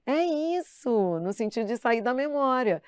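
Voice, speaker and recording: A middle-aged woman with a Brazilian Portuguese accent gives a live online grammar lesson at normal speed, her smooth voice on the high side. Lively and chatty, she mimics her students playfully, and the audio is studio quality with no echo.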